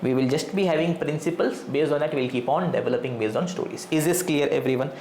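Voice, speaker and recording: A man's voice: a little high, quick pace, darkish tone. A man with a South Indian accent lecturing students in colloquial Indian English, often stopping to check that they follow. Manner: frequent check questions to students. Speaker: accounting teacher. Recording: echoey room, faint background noise.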